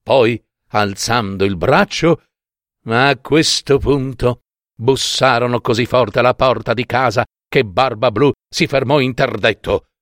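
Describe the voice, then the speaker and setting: A man reading a fairy tale aloud, slow and expressive. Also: mid-range voice, no echo, studio quality. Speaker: storyteller.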